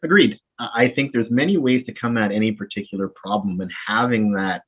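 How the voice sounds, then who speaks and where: A man with a fairly low, slightly rough voice and a Canadian Winnipeg accent, who is from the Bahamas, talks as a doctor in a relaxed, casual interview. He's brisk, friendly and animated, often repeating words as he gets going, and the audio sounds thin and tinny, as if through a phone.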